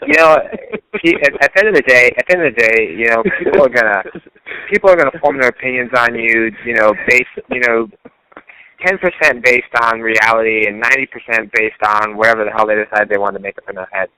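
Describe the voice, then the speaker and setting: A man speaking earnestly as a fighter guest on a podcast. His voice is bright and forceful, and it keeps stopping on "you know". The sound is very dry. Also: medium pitch, quick pace, clear, resonant tone, no echo, poor audio. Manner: earnest, many you-knows and restarts. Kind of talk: casual interview.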